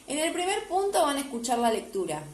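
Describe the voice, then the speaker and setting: A woman's voice: sits high, big pitch swings, brisk. A woman primary school teacher, explaining homework to children step by step. She is patient and keeps checking that they follow. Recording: echoey room, faint background hiss.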